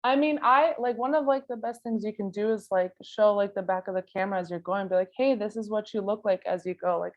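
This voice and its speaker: A woman guest photographer gives an artist talk, casually answering interview questions in a medium-pitched voice over dull audio. Spanish is her second language, not her first. She thinks aloud informally, often saying "like" and "you know."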